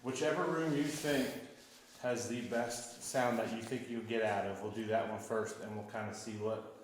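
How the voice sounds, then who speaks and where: A man's voice: lowish voice, fairly even intonation, normal speed, slight background noise. Easygoing man with heavy cave echo. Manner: easygoing, accommodating. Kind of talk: casual chat. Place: inside a cave.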